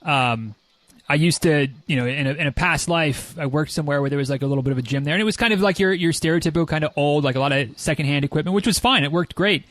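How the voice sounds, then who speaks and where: Fast-talking, rambling American man hosting a podcast. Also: on the high side, fairly bright tone, dry recording. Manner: rambling, jokey, repeats himself. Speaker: podcast host. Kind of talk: casual podcast chat.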